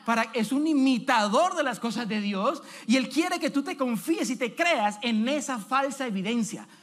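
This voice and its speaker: A man's voice: extremely high pitch, expressive, normal speed, fairly bright tone. A man preaching a sermon as an evangelist in a church, speaking emphatically and asking the congregation direct questions.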